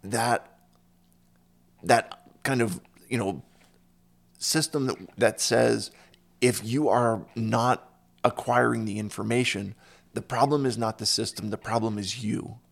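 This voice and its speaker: A man hosting a casual interview conversation, telling stories and getting animated when he quotes other people. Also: on the low side, slow pace, creaky, long pauses.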